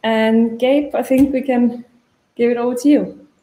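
A woman's voice: fairly high pitch, steady tone, unhurried, dark tone, roomy sound. A woman presenting an initiative during a conference keynote over a video call, talking casually with fillers and self-corrections.

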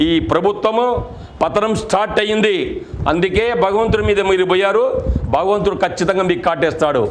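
A man's voice: high voice, slight background noise. A middle-aged man, a party district president, giving an angry political press statement full of accusing rhetorical questions. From Andhra Pradesh, India.

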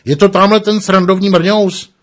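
A man's voice: high voice, steady tone, voice pushed up, natural voice. A man voicing a cold, curt professional assassin in an audiobook reading. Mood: blunt.

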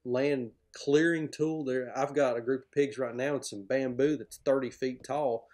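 A man's voice: medium pitch, fairly even intonation, moderate pace, darkish tone. A middle-aged man, a pig farmer, explaining his farm work with plain-spoken enthusiasm in a podcast interview over a video call from a room at home. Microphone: video call, webcam framing.

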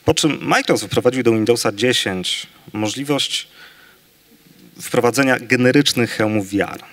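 Speaking into a handheld mic on a large conference stage, a man confidently argues his side of a staged debate on virtual reality. His voice is mid-range with a fairly bright tone, and he lists facts briskly.

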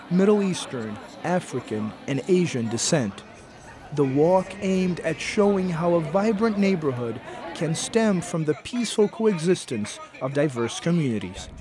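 A male narrator reads a scripted documentary in a measured, even delivery. His voice sits somewhat high for a man. A crowd murmurs clearly in the background.

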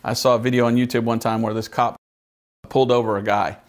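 Speaking quickly in a medium-pitched voice with little pitch movement, a man preaches a Bible study in church. He tells stories conversationally and asks the congregation questions.

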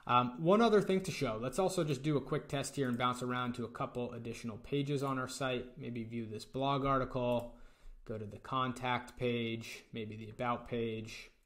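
A young man giving a relaxed, step-by-step screen-recorded software tutorial. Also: medium pitch. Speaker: tutorial presenter.

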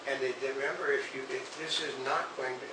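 A man in his sixties co-hosts a casual wrap-up chat about a home media expo, seated on a couch in a small indoor room and explaining things in a rambling way. His voice is medium-pitched with fairly even intonation and a slightly fast pace. A camera a few feet away picks up an echoey room sound from a distance, with clear noise.

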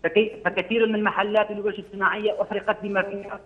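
A man's voice: high voice, little pitch movement, very fast. A male field correspondent delivering an urgent news report, heard through a poor-quality remote audio feed. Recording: dull lo-fi remote stream.

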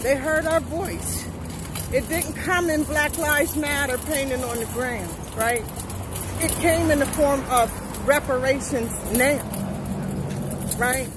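A woman's voice: high-pitched, slow. A middle-aged woman, talking emphatically into her phone while walking outdoors and asking "right?" again and again. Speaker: vlogger. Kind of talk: casual walking vlog monologue. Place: outdoors on a street. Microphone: phone held at arm's length. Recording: phone audio with street noise. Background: outdoor traffic noise.

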